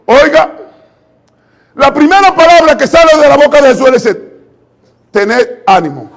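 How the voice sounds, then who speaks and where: Fervent high-voiced male preacher. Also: unhurried, pauses often. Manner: fervent, swings from hushed to loud; addresses the congregation directly as brothers. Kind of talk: sermon.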